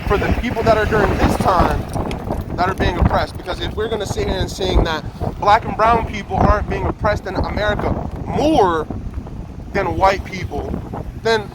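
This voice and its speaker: Amid heavy background noise, a high-voiced man speaks at a normal speed through a face mask that slightly muffles him. As an interviewee in an impassioned street debate, he argues his opinions insistently and repeats phrases for emphasis.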